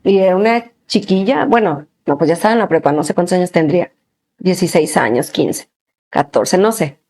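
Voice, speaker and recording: As an interview guest, a woman shares her personal faith testimony with a fairly low voice. She tells her story with energy, laughing frequently and sprinkling in small pauses.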